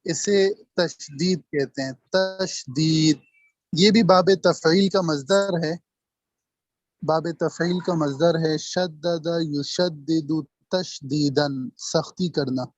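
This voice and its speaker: A man teaching Arabic grammar in an online lesson, speaking slowly and repeating each term and example. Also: fairly high pitch, no room sound. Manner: slow, repeats terms and drills examples. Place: online video call. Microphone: computer mic on a video call. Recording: dull, dry video-call audio.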